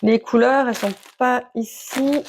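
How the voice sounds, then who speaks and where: A woman's voice: on the high side, background noise. A woman chatting casually to camera about her knitting, hesitant with many fillers and restarts. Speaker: knitting vlogger. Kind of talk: casual show-and-tell chat to camera.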